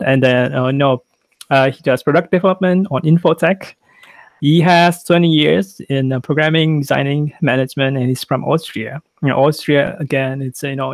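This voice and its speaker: A man's voice: a little high, no echo. A man hosting a podcast in casual chat, stumbling over his words and laughing often. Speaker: podcast host.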